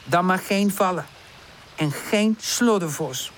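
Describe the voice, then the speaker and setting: Woman reader doing a bossy young girl dog, high and lively, a bit exasperated. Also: normal speed, slight background noise. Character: sensible young female dog, leader of friends.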